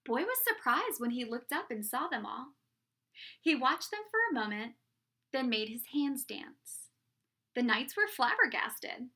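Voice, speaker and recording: Reading aloud from a picture book, a female teacher invites the children to answer her questions. Her bright, high voice moves slowly and expressively through the story.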